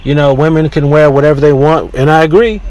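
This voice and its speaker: A man hosting a casual solo podcast from inside his car, talking in an opinionated, rambling way with frequent restarts, over a low-quality recording. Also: fairly quick, a little mellow. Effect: low-quality in-car recording with faint background noise. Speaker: podcast host. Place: inside a car near a beach.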